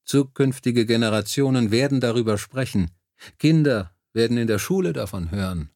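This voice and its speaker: A man doing a patient, deliberate male leader. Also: medium pitch, expressive, darkish tone, dry recording, studio quality, natural voice. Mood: firm. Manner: measured, deliberate. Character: thoughtful, patient male leader, firm and rhetorical.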